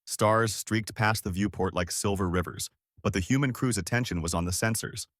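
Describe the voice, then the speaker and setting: A man narrating a science-fiction story in a lively, dramatic way. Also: on the low side, normal speed, no room sound, studio quality. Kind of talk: scripted sci-fi story narration.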